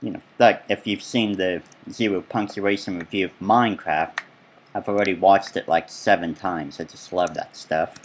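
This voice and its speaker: Man, low voice, let's play commentary, casual, rambling asides. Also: steady tone, moderate pace. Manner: rambling, chatty asides while touring his build.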